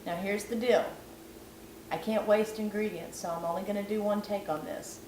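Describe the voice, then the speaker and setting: A woman vlogger who is losing her voice gives a chatty, self-deprecating cooking tutorial in her home kitchen at night. Her mid-range voice is steady and darkish, at a moderate pace. She's far from the camera in an echoey kitchen with background noise.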